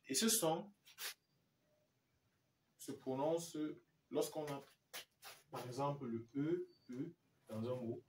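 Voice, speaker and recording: A man teaching English pronunciation, saying each example word slowly and then saying it again. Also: medium pitch, background noise. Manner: slow, repeats each example word twice. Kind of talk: pronunciation lesson. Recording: echoey room, mic at a distance.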